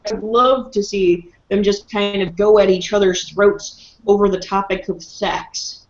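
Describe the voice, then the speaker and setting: A woman's voice: mid-range voice, steady tone, a little slow. A woman hosting a casual live stream chat, talking freely and laughing often. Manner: chatty, laughs often, talks with mouth full. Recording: dull lo-fi stream audio.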